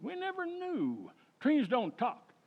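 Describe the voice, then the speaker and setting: Very high-pitched folksy old-timer. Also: male voice, wildly swooping pitch, narrow, tinny audio, heavily acted. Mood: jolly, folksy. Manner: drawn-out, folksy, chuckling. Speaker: amateur actor in a community playhouse radio recreation. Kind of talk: old-time radio comedy acting.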